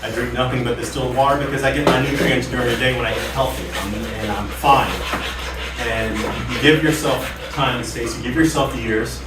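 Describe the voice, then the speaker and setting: Man, halting casual talk, repeats words, echoey room. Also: mid-range voice, fairly even intonation, loud music behind the voice. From United States. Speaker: company owner leading a factory tour. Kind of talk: casual tour narration. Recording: roomy, distant mic, loud background noise.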